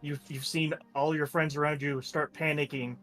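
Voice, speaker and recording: Game master describing scenes and calling for rolls, middling pitch, soft music under it. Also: flat delivery, moderate pace. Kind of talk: narrating and refereeing a tabletop game.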